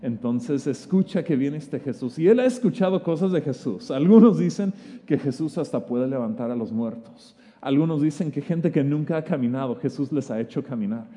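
A man's voice: medium pitch, lively intonation, normal speed, mellow. A man preaching a sermon, retelling the story vividly with stammered restarts. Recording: long reverb of a hall.

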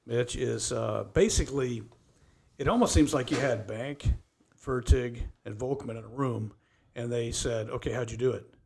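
A man with a gravelly, husky voice co-hosts a casual podcast. He chimes in with brief, agreeable questions and short replies. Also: medium pitch, moderate pace, darkish tone. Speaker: podcast co-host. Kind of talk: casual chat.

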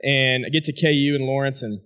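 A man, a former college athlete, giving a personal testimony speech and telling his story with animated energy to an audience. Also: mid-range voice, brisk. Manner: animated storytelling, asks the crowd "right?".

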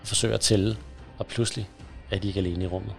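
A man narrating a scary children's story in a hushed, suspenseful way. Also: lowish voice, fairly even intonation, creaky. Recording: soft music under the voice.

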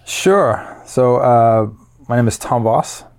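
A man's voice: mid-range voice, lively intonation, slow pace, a little mellow. A man in his thirties from Denmark, a life coach guest on a podcast, speaking hesitantly with many fillers and repeated words. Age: 30s. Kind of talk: casual interview chat.

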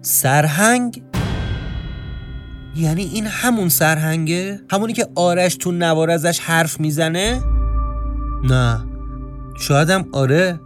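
A man narrating a suspenseful first-person story in a tense, inward tone. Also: on the high side. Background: faint music.

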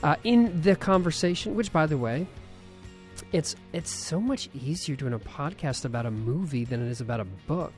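A man's voice: fairly high pitch, animated, normal speed, a little mellow, soft background music. A man hosting a podcast, chatting casually and rambling with many fillers. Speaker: podcast host.

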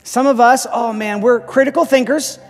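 A man pastor preaching an animated sermon, rising to shouts. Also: extremely high pitch, moderate pace, soft background music. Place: church hall. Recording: reverberant church hall.

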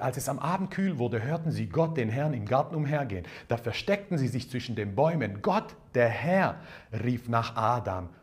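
Male preacher, sermon delivery, emphatic and repetitive, hallelujahs and amens. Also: mid-range voice. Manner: emphatic, repeats key phrases, calls out hallelujah and amen.

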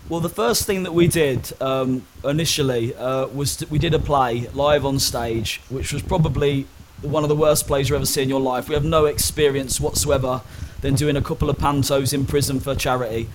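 A man's voice: mid-range voice, fairly even intonation, moderate pace, background noise. A young man telling personal stories candidly in an interview, hesitant, with many ums and restarts. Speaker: guest. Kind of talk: conversational storytelling.

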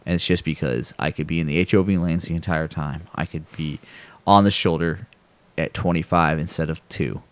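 A man with a low voice talks through a story in a loose, rambling way, full of fillers and restarts. He throws himself into the other people's lines as he tells it. The sound is dry, with no room around it. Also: steady tone, moderate pace, hardly any pauses, no echo. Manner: acts out people's lines in a raised voice when telling stories. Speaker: podcast host. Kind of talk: casual chat, storytelling.

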